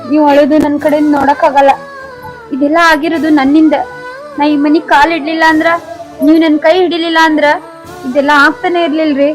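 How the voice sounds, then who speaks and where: An actress playing a young daughter-in-law with a North Karnataka accent who pleads in tears. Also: female voice, high voice, flat delivery, a little fast, soft background music, lightly acted, low-quality recording. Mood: tearful. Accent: North Karnataka Kannada. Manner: tearful pleading. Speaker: actor.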